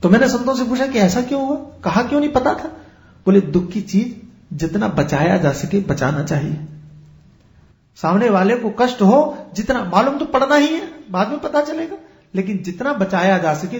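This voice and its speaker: A man's voice: sits high, roomy sound. A man who is a spiritual teacher, giving a discourse and explaining with everyday examples and rhetorical questions.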